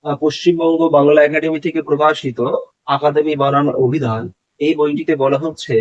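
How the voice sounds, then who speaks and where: A man giving a spelling lesson, explaining patiently and repeating words, with pauses and hesitations. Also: fairly high pitch, a little mellow. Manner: slow, repetitive explanation with hesitations. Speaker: teacher. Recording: dull lo-fi recording.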